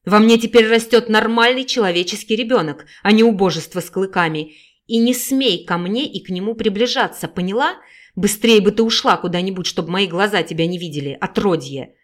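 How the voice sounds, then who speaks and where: A cruel, bitter mother, played by a woman reader, spits every word with loud scorn. Her voice stays harsh and hateful in this storybook scene. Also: medium pitch, fairly quick, natural voice. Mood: furious.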